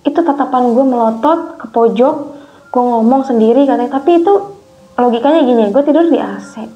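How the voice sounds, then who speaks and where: A woman's voice: a little high, fairly quick, warm tone. A woman emotionally retelling a frightening experience in casual slang. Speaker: guest telling her experience. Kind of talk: casual storytelling. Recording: dull lo-fi sound with faint music.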